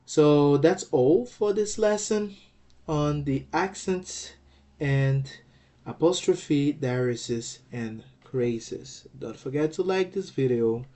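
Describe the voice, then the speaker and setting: A man walks through a recorded language lesson at an unhurried, deliberate pace. He is patient and repetitive, checking in with "okay" as he explains each point. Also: fairly high pitch, mellow. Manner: patient, repeats words, says "okay" a lot. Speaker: teacher.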